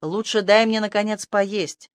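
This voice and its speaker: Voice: medium pitch, fairly even intonation, a little slow, no echo, lightly acted. An audiobook narrator voicing a sarcastic, scruffy male talking rat with a mocking, needling manner. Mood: complaining. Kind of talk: audiobook character voice.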